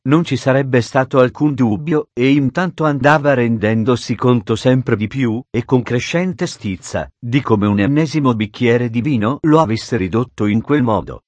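A man's voice: mid-range voice, no room sound. Man reading a story in a dry voice. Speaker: narrator.

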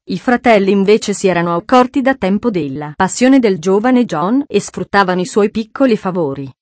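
A woman reading a classic novel aloud as narrator, in a measured, steady storytelling manner. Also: mid-range voice, dry recording.

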